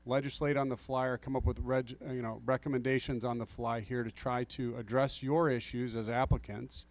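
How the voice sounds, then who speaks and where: A planning commission member with a medium-pitched, slightly mellow voice speaks earnestly at a public meeting in a council meeting room. He apologizes and thinks aloud, restarting his sentences. His table microphone sometimes catches him off-axis as he drifts away from it.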